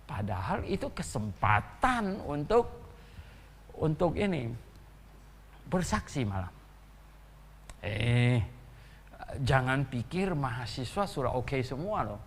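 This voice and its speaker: Lively man preaching in a reverberant church. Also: mid-range voice, slow pace, long pauses, a little hiss or hum. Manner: animated, rhetorical questions, chuckling asides. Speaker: pastor. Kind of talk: sermon.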